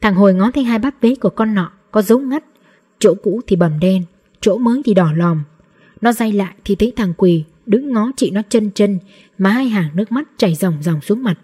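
Woman narrating an old novel, steady, dark husky voice. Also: medium pitch, normal speed. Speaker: audiobook narrator. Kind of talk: storybook narration.

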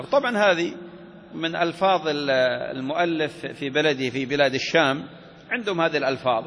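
Guy teaching fiqh, a bit high voice, long hall echo, faint hum behind. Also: a bit bright. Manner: explains by asking the class questions and answering them himself. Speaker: Islamic law teacher. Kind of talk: classroom lecture on Islamic jurisprudence. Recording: reverberant hall with faint ambient noise.

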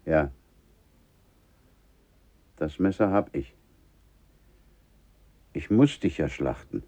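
An actor playing a solemn old father who leads his son to a sacrifice, speaking gravely and insistently in a radio play. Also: very deep voice, lively intonation, extremely slow, dark tone, heavily acted. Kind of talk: vintage radio play acting.

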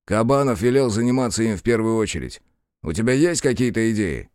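A man's voice: lowish voice, expressive, brisk, a little mellow, smooth, no echo, studio quality, voice pushed up, natural voice. A man voicing a guilty, fawning young detective who pleads and wheedles with his partner. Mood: businesslike.

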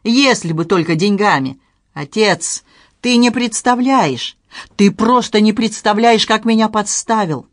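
An audiobook narrator voicing an angry, frightened grown son who shouts bitterly and pleads, in a dry recording. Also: medium pitch, moderate pace, dry recording, natural voice. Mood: desperate. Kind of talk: dramatized audiobook reading.

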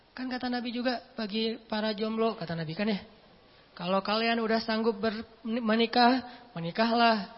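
Casual, joking woman preacher in an echoey hall. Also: on the high side. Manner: humorous, storytelling, acts out quoted speech. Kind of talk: casual religious lecture. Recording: echoey hall, dull lo-fi sound.

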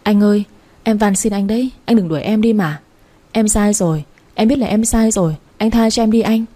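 A woman's voice: mid-range voice, fairly quick, dark tone, lightly acted. A woman reading the part of a remorseful sister-in-law who pleads tearfully in a spoken story. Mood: pleading.

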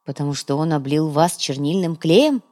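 A woman's voice: sits low, expressive, normal speed, dark tone. Woman doing a sly wheedling trader man. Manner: ingratiating and chatty. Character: sly fussy male shas trader, greedy, wheedling.

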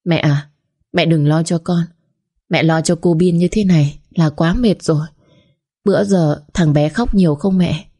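A woman's voice: low-pitched, measured pace, dark tone, breathy edge, heavily acted. A woman voicing a young mother in detention who speaks tearfully and apologetically. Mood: tender.

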